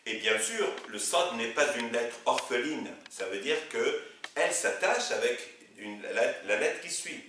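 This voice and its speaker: A male teacher explains a lesson with a lively, animated voice that sounds bright and forceful. He is patient and repeats himself, often asking his students to look. The recording is very echoey and distant, with faint background noise. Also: medium pitch. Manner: patient, explains slowly with repetition, says "regardez" often. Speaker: Arabic teacher. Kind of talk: classroom lesson at a board.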